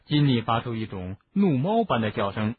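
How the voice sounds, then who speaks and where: A man narrates an audiobook in a low, husky voice. The sound is thin and phone-like, with little low end. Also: sing-song, normal speed, no room sound.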